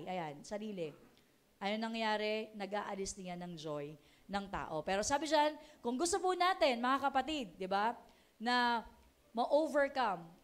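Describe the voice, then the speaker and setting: Chatty Filipino woman pastor, higher voice. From Philippines. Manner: chatty, keeps asking the congregation "di ba?", laughs often; mixes English phrases into Tagalog. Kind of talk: conversational sermon.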